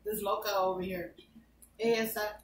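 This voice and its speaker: A woman's voice: mid-range voice, level tone, normal speed. Teasing middle-aged woman in echoey room. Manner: playful teasing, tags lines with "eh?" and "fool". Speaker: channel host. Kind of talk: casual family chat, mock tough-girl slang. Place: home, indoors. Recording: echoey room, far from mic, faint hiss.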